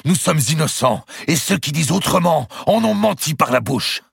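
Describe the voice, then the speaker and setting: A man's voice: a little high, expressive, moderate pace, creaky, slightly rough, no echo, clean studio sound, pitched above the performer's own voice, full character voice. Man voicing an indignant accusing knight. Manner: indignant speech.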